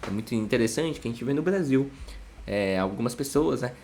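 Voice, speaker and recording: A man's voice: medium pitch, lively intonation, fairly quick, a little mellow. A young man, a psychologist giving a casual explanatory lesson, full of "né?" checks with his listeners. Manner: chatty, constant "né?" tag questions.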